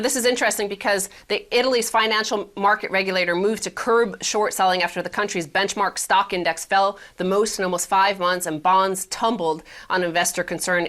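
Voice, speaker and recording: Female co-host, financial news reader, questioning manner, mid pitch. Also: fairly bright tone. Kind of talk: reading news and asking questions.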